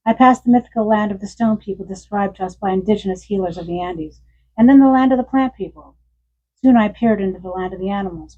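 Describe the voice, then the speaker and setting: A woman in her sixties tells stories and reads from her memoir to a bookstore audience, laughing now and then as she talks. Her voice is husky and slightly breathy. The recording is dull and lo-fi. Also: mid-range voice. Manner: warm storytelling with frequent laughs. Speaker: author. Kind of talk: reading from her memoir at a book event.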